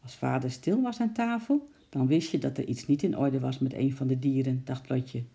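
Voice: mid-range voice, normal speed, gravelly, dark tone. A narrator steadily reading a children's story aloud.

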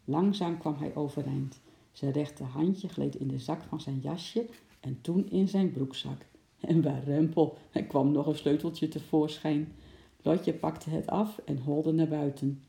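Dark, gravelly storybook narrator. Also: medium pitch, unhurried. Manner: lively storytelling. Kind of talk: children's audiobook reading. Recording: roomy echo.

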